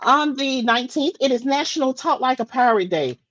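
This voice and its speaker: A woman from the United States runs through a list of the day's facts in a relaxed live-stream chat, often restarting her sentences. Her voice sits a little high. The sound is dry and a bit dull, as if the audio had been squeezed thin. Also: normal speed, no echo. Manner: chatty, with frequent restarts and fillers. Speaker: daily facts presenter.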